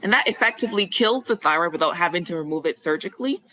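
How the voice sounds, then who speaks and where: A woman from Barbados, a physician guest on a podcast, explaining clearly and speaking candidly. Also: fairly low pitch, animated, quick pace, bright, forceful tone, no room sound, poor audio. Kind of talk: conversational podcast interview.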